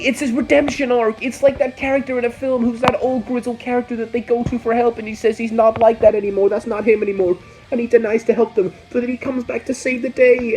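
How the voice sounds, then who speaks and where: A man on a comedic storytelling vlog, swinging between excited yelps and mock-solemn mutters as he recounts an absurd saga. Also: very high-pitched, low-quality recording. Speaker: YouTuber.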